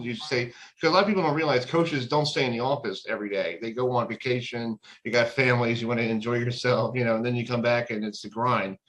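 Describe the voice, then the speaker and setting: A man from Long Island with a Long Island accent, hosting a sports radio show and asking rambling, rapid-fire questions. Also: mid-range voice, fairly bright tone, low-quality recording. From Long Island, New York. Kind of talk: radio interview.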